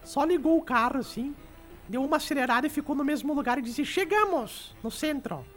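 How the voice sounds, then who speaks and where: A sharp-tongued old lady, acted by a woman who talks in a high, piercing voice. She tells jokes with bossy, mocking timing on a radio comedy show. Faint music plays underneath. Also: animated, fairly quick. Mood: teasing. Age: older. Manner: teasing, bossy storytelling. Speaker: comic radio show regular.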